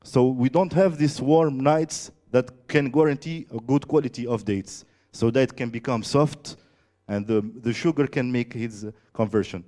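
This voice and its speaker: A man giving a presentation, halting and searching for words with many fillers. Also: medium pitch, warm tone. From Tunisia. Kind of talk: conference presentation.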